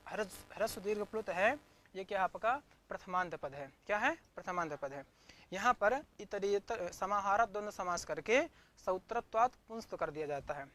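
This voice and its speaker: A man with a fairly high, slightly bright voice teaches an online Sanskrit grammar class. He poses questions and answers them himself, repeating every term, and mid-lesson he hunts through the screen for his notes out loud.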